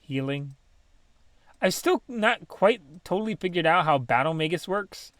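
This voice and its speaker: A man's voice: fairly high pitch, lively intonation, unhurried, fairly bright tone, dry recording. A man casually commentating his own game play, thinking aloud with many ums and small laughs. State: has the hiccups. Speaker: gaming channel host.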